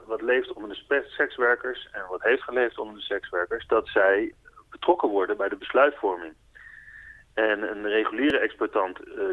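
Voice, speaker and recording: A man's voice: fairly low pitch, no room sound. A man interviewed by phone as a foundation's spokesperson, earnestly explaining and patiently clarifying. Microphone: telephone. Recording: tinny phone line, dry.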